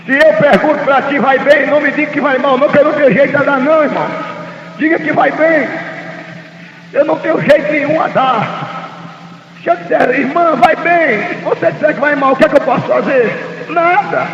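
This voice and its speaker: High pitched preacher guy, dramatic and shouty, old noisy tape with lots of echo. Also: a little fast. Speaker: pastor. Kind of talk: sermon. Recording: echoey hall, lo-fi 1990s recording, noisy.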